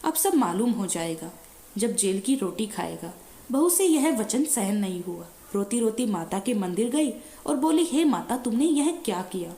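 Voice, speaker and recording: A woman reading a devotional fasting story in a steady recital. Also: mid-range voice, echoey room.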